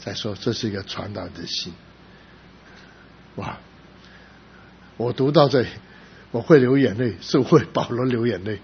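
A man's voice: medium pitch, measured pace, vocal fry, long pauses. Emotional man preaching a sermon. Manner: emotional storytelling, rising to loud emphasis then dropping soft. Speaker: pastor. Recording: slightly dull recording with faint background noise.

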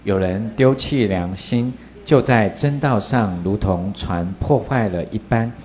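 A man reading scripture aloud in a slow, measured way. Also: on the low side, a little mellow, dull audio.

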